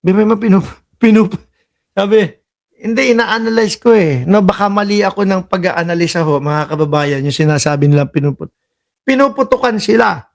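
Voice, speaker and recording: A man from the Philippines hosts political reaction commentary in a fairly high voice. He is sarcastic and animated, scolding the people in the clips. He also reads viewer comments aloud. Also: moderate pace, vocal fry.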